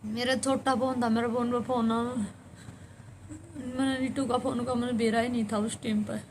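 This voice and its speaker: A woman's voice: a little high, flat delivery, normal speed, a little hiss or hum. A woman with a Haryanvi accent telling a personal story in an earnest, rambling way, often repeating her phrases. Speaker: vlogger.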